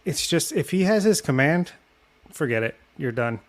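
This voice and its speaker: A man's voice: fairly high pitch, very animated, moderate pace. Man hedging through casual podcast chat. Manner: thinking aloud, hedging. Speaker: podcast co-host.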